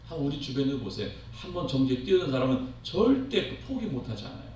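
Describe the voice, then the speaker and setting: A male pastor preaching a sermon in a church, telling the story in an animated way and acting out the quotes. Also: medium pitch, quick pace. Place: church sanctuary. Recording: echoey hall, voice from far off, faint noise.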